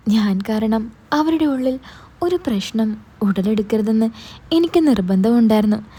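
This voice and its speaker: A woman telling an emotional story in the first person, in a calm and measured way. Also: a little high, slightly rough.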